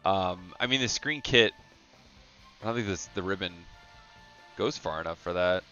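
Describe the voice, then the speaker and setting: An American man hosting a live stream, chatting casually about hardware in a relaxed, easygoing way, sleepy and yawning. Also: sits low, moderate pace, faint music behind. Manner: relaxed, easygoing, laughs often. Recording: slightly dull lo-fi stream audio.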